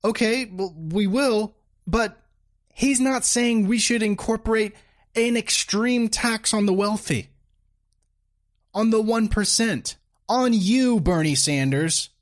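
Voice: medium pitch, takes it slowly. A commentator reacting to a video clip in a sarcastic, mocking way. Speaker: political commentator.

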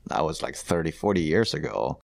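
A man's voice: very deep voice, sing-song, a little fast, vocal fry, no echo, clean studio sound. A man, chatting loosely as an interview guest with lots of fillers. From China. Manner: loose, chatty, many fillers and laughs, non-native grammar. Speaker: guest, company founder. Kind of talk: casual interview chat.

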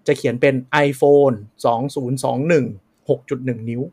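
A man's voice: mid-range voice, fairly even intonation, normal speed, mellow, breathy edge. A man co-hosting a casual tech podcast, explaining at length with many fillers. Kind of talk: casual chat.

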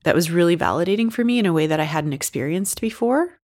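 A woman's voice: fairly low pitch, lively intonation, quick pace, darkish tone. A woman being interviewed, talking candidly and conversationally about her experience. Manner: conversational, frequent "like" fillers.

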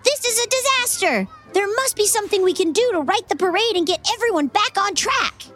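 A woman's voice: extremely high pitch, expressive, brisk, fairly bright tone, soft background music. A woman playing an earnest, eager, clever young girl inventor in a children's audio story. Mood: dismayed.

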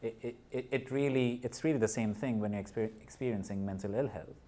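Brisk and mellow, this man's voice sits at medium pitch. Appearing as a podcast interview guest, the corporate partner and mental health advocate from Nepal and India speaks with earnestness, often starting over and repeating himself.

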